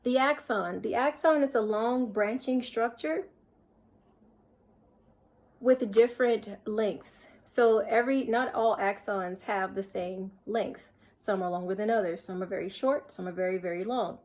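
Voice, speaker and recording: A woman's voice: medium pitch, unhurried, a little mellow. A woman teaching a recorded lecture over slides, explaining step by step and repeating points, with many fillers and restarts.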